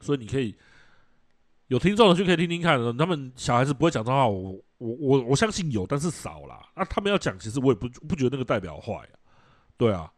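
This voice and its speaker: A middle-aged man with a Taiwanese Mandarin accent rattles off stories at a quick clip, voice sitting in an ordinary middle register. He talks bluntly and swears freely, hosting a casual chat. The sound is close and dry, with no room around it. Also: mid-range voice, no room sound. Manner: blunt, profane, animated storytelling. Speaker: podcast host.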